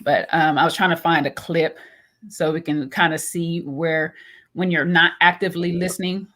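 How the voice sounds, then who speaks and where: A woman co-hosting a relaxed talk show in a slightly low voice. She is animated and laughs often. She acts out both sides of an argument as she talks. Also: normal speed, a little hiss or hum. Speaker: co-host. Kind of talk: casual chat.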